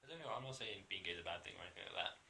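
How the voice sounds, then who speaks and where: A man's voice: deep voice, animated, very fast, pushed and bright, a little hiss or hum, poor audio. A young Welsh man chatting casually in a relationship advice vlog, rambling with lots of fillers. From Wales. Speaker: vlogger.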